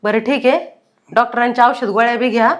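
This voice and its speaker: A woman's voice: fairly high pitch, steady tone, brisk, natural voice. An actress playing a domineering older mother-in-law who gives orders and will not be argued with. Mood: commanding. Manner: bossy, insistent.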